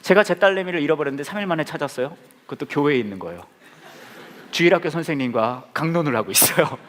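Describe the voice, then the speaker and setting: A man's voice: on the high side, lively intonation, fast, fairly bright tone. A man in his forties preaching a playful sermon, joking and acting out scenes with his congregation.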